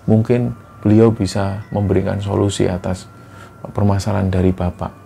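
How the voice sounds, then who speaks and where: A man's voice: on the low side, little pitch movement, moderate pace, creaky, mellow, slight background noise. A man voicing a polite young male mosque teacher in a horror story. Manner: polite, respectful.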